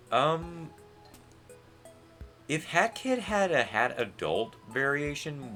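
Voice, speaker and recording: A bright-toned man rambles through casual let's play commentary, his lower voice swinging widely in pitch as he jumps between thoughts. He tosses in sarcastic asides, and faint game music plays under him.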